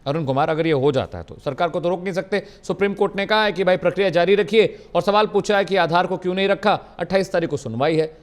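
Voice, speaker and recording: A man moderating a heated television debate. He talks quickly in a slightly raised voice and fires pointed questions at the panelists. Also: high-pitched. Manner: pressing, rapid-fire questioning. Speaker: debate anchor.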